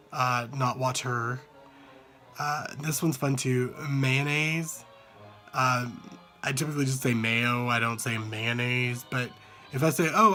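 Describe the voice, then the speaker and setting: His mid-range voice has a sharp tone and a Southern United States accent. As a vlogger doing an accent challenge, he speaks casually and rambles into a handheld phone at arm's length, slowly repeating single words to demonstrate pronunciation.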